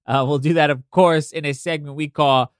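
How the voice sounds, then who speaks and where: A man with a stuffy, nasal voice talks as a podcast host. His voice sits fairly high and is otherwise clean, recorded dry and close. He is informal and sweary, chatting straight to the listener. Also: fairly even intonation, normal speed, smooth, no echo. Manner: informal, sweary, conversational asides. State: congested from allergies. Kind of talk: casual podcast monologue.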